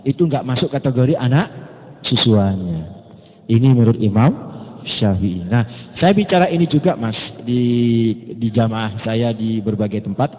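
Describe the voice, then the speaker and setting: East Javanese preacher, tinny echoey hall recording. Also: male voice, mid-range voice. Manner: lively storytelling, acting out quoted people. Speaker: Islamic teacher. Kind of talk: religious study lecture. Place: lecture gathering indoors.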